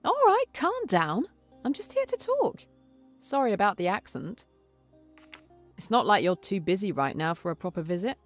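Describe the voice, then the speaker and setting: A woman's voice: medium pitch, very animated, moderate pace, long pauses, soft background music, close to an everyday voice. An actress with an English accent playing an inquisitive young woman investigator in a video game, probing and wry in manner.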